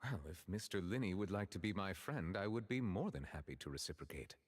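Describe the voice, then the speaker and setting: A dignified, reserved chief justice in a video game, with a very low voice that rises and falls expressively. He speaks with measured, formal courtesy. Faint hiss and a long reverb tail sit behind him. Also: very animated, breathy edge, exaggerated voice. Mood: courteous, calm.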